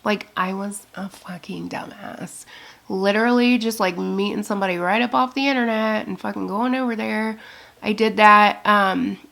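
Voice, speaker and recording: Chatty, cussing woman with vocal fry. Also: mid-range voice, moderate pace, a bit bright. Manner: chatty, profane, storytelling with quoted asides. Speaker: beauty vlogger. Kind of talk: rambling get-ready-with-me chat.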